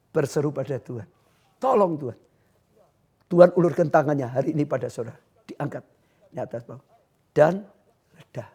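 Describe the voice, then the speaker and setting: A man preaching a livestreamed sermon, shouting fervently at times and then dropping to a quiet voice. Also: on the high side, husky. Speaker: pastor.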